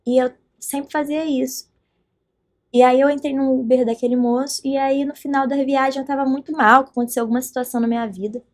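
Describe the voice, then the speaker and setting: A Brazilian woman telling faith stories as a podcast guest, with an animated and earnest delivery. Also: high voice, fairly quick. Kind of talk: faith testimony in a podcast conversation.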